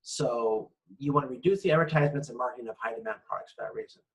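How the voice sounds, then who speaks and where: A man talks quickly at medium pitch while lecturing over shared slides online, keeping it casual and conversational and often checking in. The audio quality is poor.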